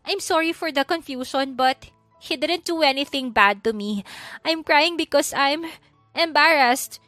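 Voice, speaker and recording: Flustered shy young woman, voiced by a woman, high and excitable, storybook reading, dry close sound. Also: a little slow, no room sound, faint music behind. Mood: apologetic.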